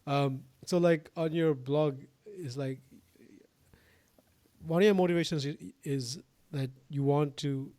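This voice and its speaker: A man's voice: a little high, slow pace, dark tone, no room sound. Rambling Sri Lankan-born male podcast host. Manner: rambling, many fillers and restarts. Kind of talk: casual interview conversation.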